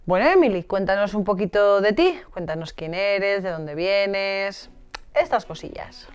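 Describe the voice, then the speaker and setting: A woman's voice: medium pitch, a little slow, clean tone, soft background music. A woman hosting a television interview, asking friendly, casual questions. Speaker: host.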